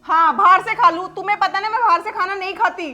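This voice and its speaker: Woman doing a nasty snobby daughter-in-law, super high shrill voice, scolding everyone. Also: steady tone, fast talker, pushed and bright, highs cut off. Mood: scornful. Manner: harsh, scolding, contemptuous. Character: arrogant daughter-in-law with a government job, cruel and scornful.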